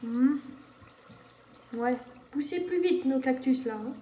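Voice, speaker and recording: A woman's voice: high voice, slow, dark tone. A woman giving casual gameplay commentary, thinking aloud with many fillers and talking to her viewers. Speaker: gamer streamer. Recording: echoey room with faint noise.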